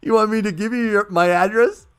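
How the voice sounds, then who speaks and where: A man hosting a call-in livestream, ranting excitedly and laughing at himself. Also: sits high, a little fast, over loud music. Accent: New England. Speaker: livestream host. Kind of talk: casual call-in livestream talk.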